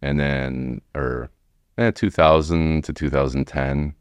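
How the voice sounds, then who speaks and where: A man in his forties with an American accent, telling his story casually in a halting, rambling way as an interview guest. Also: extremely low pitch, fairly even intonation, clear, resonant tone, dry recording. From United States, Wisconsin. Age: 40s. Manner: rambling, halting, frequent "you know". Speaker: podcast guest, remodeling tradesman.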